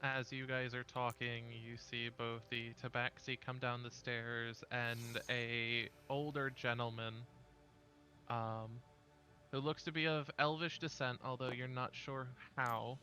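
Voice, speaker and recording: A man narrating as dungeon master, in a relaxed way with frequent fillers. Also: mid-range voice, measured pace. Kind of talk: narrating a tabletop game.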